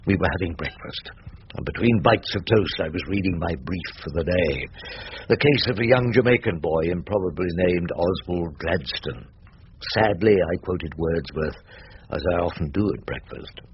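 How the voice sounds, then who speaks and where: In a dull, noisy radio drama recording, an older man with an English accent plays a wry old barrister who is garrulous, irreverent and given to quoting poetry. His low voice stays near everyday speech at a moderate pace as he narrates in the first person, rambling theatrically and drily ironic.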